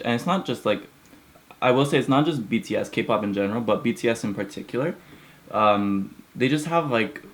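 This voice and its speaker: Chatty man reacting to a video. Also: lowish voice. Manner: chatty, laughs often, many likes and restarts. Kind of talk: casual reaction commentary.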